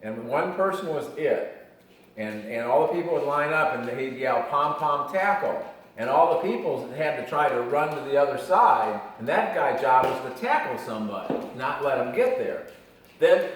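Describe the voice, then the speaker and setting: Echoey, distant older American man reminiscing. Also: mid-range voice. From Michigan, United States. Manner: old man telling childhood stories, explaining simply. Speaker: grandfather being interviewed. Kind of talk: casual reminiscing interview. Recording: echoey room, distant mic, faint noise.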